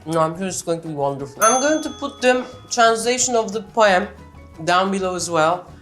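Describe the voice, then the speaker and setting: A woman with a Turkish accent hosting a home cooking show, chatting warmly and directly to her viewers from her kitchen. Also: medium pitch, expressive, normal speed, faint music behind. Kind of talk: casual cooking demonstration.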